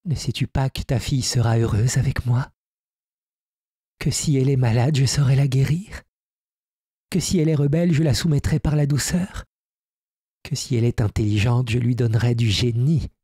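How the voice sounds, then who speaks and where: A man's voice: medium pitch, fairly even intonation, moderate pace, long pauses, mellow, slightly rough, no room sound, studio quality, pitched above the performer's own voice, natural voice. A man voicing an ageless female fairy in an audiobook, proud and pleading, pressing her case with insistent, reproachful questions. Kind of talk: audiobook character reading.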